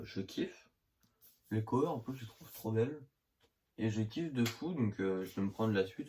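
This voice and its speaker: With a lowish, darkish voice and some vocal fry, a young northern French manga vlogger chats casually about his collection, rambling with slang and filler in his regional accent. The audio comes from a phone camera and carries a faint hiss.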